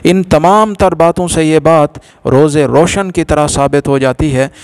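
A man narrating a religious story in a measured, formal storytelling manner. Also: a little high, darkish tone, clear, resonant tone, dry recording.

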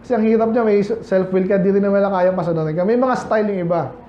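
High-voiced preacher in an echoey church. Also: male voice, fast, slight background noise. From Philippines. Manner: asks the congregation rhetorical questions and checks in often. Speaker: pastor. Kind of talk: conversational sermon. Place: church sanctuary. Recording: echoey church hall, slightly dull sound.

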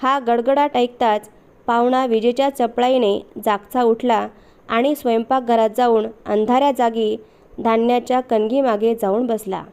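A woman reading a short story aloud as a storyteller, in a steady, expressive storybook manner. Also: fairly high pitch, normal speed, clean tone.

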